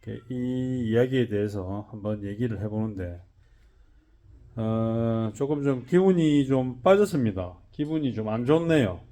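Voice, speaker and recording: A man's voice: mid-range voice, lively intonation, a little slow, mellow. A man in his forties with a Gyeongsang Korean accent, a car detailing shop owner talking loosely and chattily in a casual vlog, tired after working all night.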